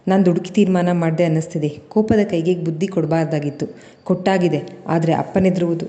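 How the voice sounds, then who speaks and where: A woman's voice: lowish voice, fairly even intonation, fairly quick, natural voice. A woman voicing a hot-tempered young son who speaks sharply and angrily. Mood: heated. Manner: sharp and angry. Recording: long reverb.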